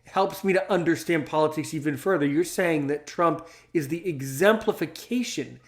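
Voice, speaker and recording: In a casual interview, a man in his thirties questions a guest, agreeing eagerly and stammering through many restarts. His voice is a little high and his pace moderate.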